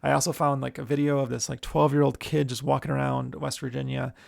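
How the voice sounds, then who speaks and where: A man who hosts a screenwriting show, giving writing tips in a relaxed, chatty way. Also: mid-range voice, fast, vocal fry, no room sound, studio quality. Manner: relaxed, chatty, many fillers. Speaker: screenwriter and podcast host. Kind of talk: casual instructional talk.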